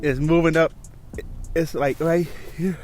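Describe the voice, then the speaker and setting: A man's voice: fairly high pitch, steady tone, measured pace, a little mellow, soft background music. A young man talking in slangy, profane banter on a challenge vlog while his mouth and throat burn from spicy food.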